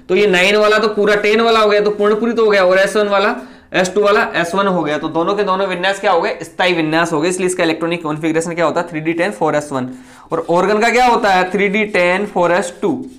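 Fast-talking male chemistry teacher. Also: sits high, a bit bright. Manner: explains step by step, asks and answers own questions; speaks quickly. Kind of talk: online lecture.

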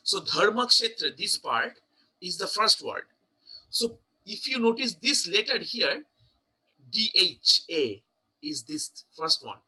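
A man teaching chanting in an online lesson, explaining in a quick, searching way. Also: sits high, very animated, bright, forceful tone, poor audio.

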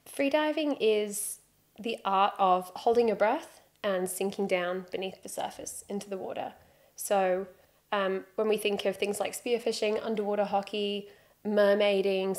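This podcast guest, a British freediving instructor in her thirties, has a medium-pitched, darkish voice with fairly even intonation and a measured pace. She chats on a studio sofa before a plain wall, near a desk microphone and wearing headphones, telling her story with self-deprecating humor in a relaxed interview.

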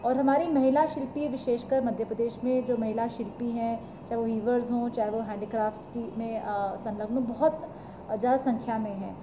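Woman official in an interview, lots of uh's, slightly high voice, noisy around her. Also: steady tone, a little fast. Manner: hesitant, many filler sounds. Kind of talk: news interview. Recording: noisy ambience behind voice.

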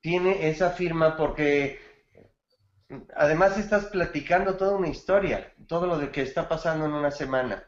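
A man with a somewhat high voice teaches songwriting, praising a student and explaining stress and word order with examples from songs. The sound is roomy and slightly muffled, like a video call from an echoey room. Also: normal speed. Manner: warm praise, explanatory, quotes song lyrics as examples. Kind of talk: feedback in an online class.

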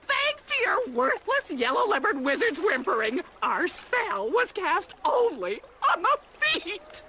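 A woman voicing a vain, gloating female witch in a cartoon dub, shrill and cackling. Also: wildly swooping pitch, a little slow, sharp tone, a little hiss or hum, exaggerated voice. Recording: music under the dialogue.

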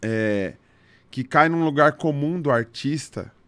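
A man with a Brazilian Portuguese accent hosting a casual podcast interview, talking in a slangy, halting way full of restarts. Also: fairly high pitch, animated, fairly bright tone, no echo. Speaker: podcast host.

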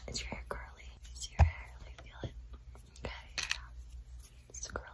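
A young woman doing a fast whispering ASMR role-play as a sketch artist, in an unvoiced, breathy whisper with short, repeated phrases. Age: young adult. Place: small indoor room at home.

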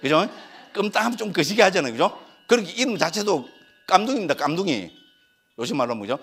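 Lecturing on scripture, this middle-aged monk speaks with a Gyeongsang Korean accent and keeps throwing rhetorical questions at the audience. He sounds very animated and quick, his high-sitting voice fairly bright and slightly rough.

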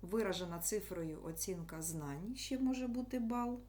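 A woman's voice: mid-range voice, lively intonation, moderate pace, dark tone. A woman teacher explaining a school lesson to children, patient and step by step.

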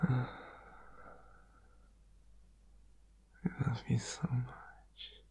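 Whispered role-play, man as a breathy sleepy boyfriend. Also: medium pitch, completely flat delivery, warm tone, full character voice. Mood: tender, sleepy. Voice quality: breathy, husky, creaky whisper. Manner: slow, tender, clingy, soothing. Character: needy, sleepy, affectionate boyfriend cuddling his partner in bed.

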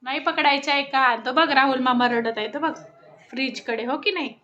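Young woman, home vlog on phone, high voice, sing-songy with the little one. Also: moderate pace, sharp tone, highs cut off. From Sakoli, Maharashtra. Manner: chatty, coaxing a toddler in sing-song tones. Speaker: family vlogger. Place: family home indoors.

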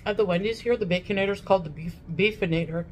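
Young female food vlogger, mid-pitched, chatting casually with mouth full and chewing as she talks; faintly noisy home recording. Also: quick pace, a little mellow. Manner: chewing while talking, mouth often full. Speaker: mukbang vlogger. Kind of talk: casual chat while eating. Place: furnished living room, indoors. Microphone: camera at table distance.

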